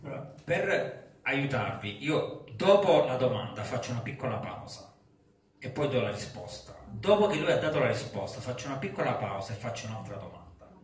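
Guy teaching english to a class, slow emphatic drills, recorded from the back of a really echoey room. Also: medium pitch, sing-song, far from the mic, a little hiss or hum. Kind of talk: classroom lecture. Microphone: far recorder in the room. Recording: echoey classroom taped from afar.

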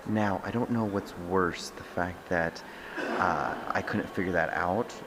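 Young guy half whispering to his camera in a big museum, low voice, dry little jokes. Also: measured pace, background noise. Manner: quiet, half-whispered, wry. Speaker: travel vlogger. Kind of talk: hushed vlog narration in a museum. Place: large indoor museum hall. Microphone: handheld camera at arm's length.

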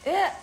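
In an echoey room, a young Instagram live host with a fairly high, mellow voice chats casually with viewers on her phone stream. She reads out their comments and laughs a lot.

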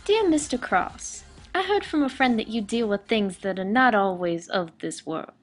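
A woman's voice: mid-range voice, animated, moderate pace, soft background music, close to an everyday voice. A woman voicing Toni, a polite, bubbly young woman, in a fan audio drama. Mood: earnest.

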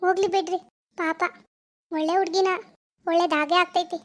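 A woman voicing a gentle young village wife in a cartoon, with a North Karnataka accent and a soothing, reassuring manner. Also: extremely high pitch, little pitch movement, normal speed, dry recording. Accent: North Karnataka Kannada.

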